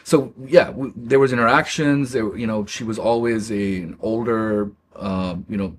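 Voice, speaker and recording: A man in his forties from Pakistan, a guest speaking haltingly in a casual interview, with many fillers and restarts. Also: fairly low pitch, a little hiss or hum.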